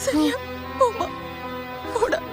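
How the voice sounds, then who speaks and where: Brief: high-voiced, tearful middle-aged mother begging for news, film score behind. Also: lively intonation, takes it slowly, music in the background, exaggerated voice. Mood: tearful pleading. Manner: tearful, pleading. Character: frantic middle-aged mother with a missing daughter. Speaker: worried mother. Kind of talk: Tamil film drama acting.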